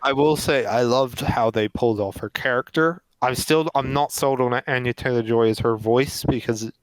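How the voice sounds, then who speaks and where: A man chats through a film review as podcast co-host, his voice smooth and clear at an ordinary pitch. The sound is dry and close to the mic, and he talks in an animated, opinionated way. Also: moderate pace, no room sound, rough recording. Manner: animated and opinionated, laughs often. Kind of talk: casual film review chat.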